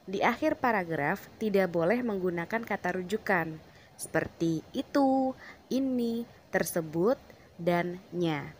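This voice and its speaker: Woman teacher, unhurried classroom explanation, emphatic stresses on key words. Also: on the low side, slight background noise. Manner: slow, deliberate, stresses words with rising emphasis.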